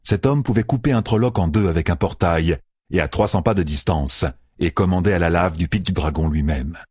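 Male audiobook narrator, very deep, husky, dry close recording, expressive reading. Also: a little fast, dry recording. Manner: expressive storytelling. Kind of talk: scripted narration.

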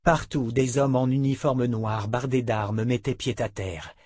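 A man narrating an audiobook with a husky, breathy voice in a steady, dramatic reading. It is recorded close in a dry room. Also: mid-range voice, unhurried, no room sound.

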